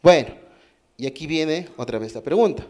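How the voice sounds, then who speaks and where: His voice fairly high, animated and a little mellow at a normal speed, a Peruvian speaker gives a technical conference talk in a hall. He has a Peruvian Spanish accent, breaks things down step by step, poses questions to the audience and keeps restarting sentences.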